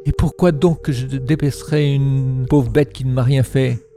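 A man's voice: medium pitch, fairly even intonation, moderate pace, warm tone, soft background music, pitched above the performer's own voice, close to an everyday voice. A man voicing a small boy who stubbornly refuses his father, in a raised and pleading tone during a poem recital. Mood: plaintive. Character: defiant little boy Prosper.

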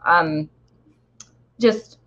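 Woman co-host with a lower voice. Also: very slow, a bit bright. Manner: hesitant questions, many fillers. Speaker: podcast co-host. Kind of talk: casual interview chat. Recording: dull lo-fi recording.

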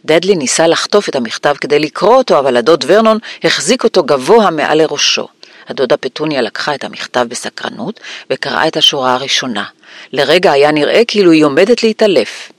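Male audiobook narrator, slightly high voice, measured storytelling, dry close studio sound. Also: lively intonation, fairly bright tone, dry recording.

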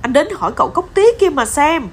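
A woman voicing a timid, sly little cockroach who talks quickly and furtively, in a storybook reading. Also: high-pitched, animated, background noise, voice pushed up.

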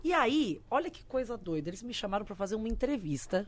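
A woman's voice: fairly high pitch, fast. A young adult woman, a comedian telling a story in casual chat and acting out the people she quotes. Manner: animated, acts out quoted people.

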